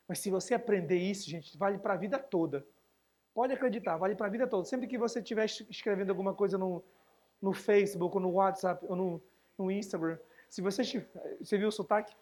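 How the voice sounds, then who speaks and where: Chatty male writing teacher. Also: high voice. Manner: chatty, answering viewers' chat questions. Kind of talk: live online class.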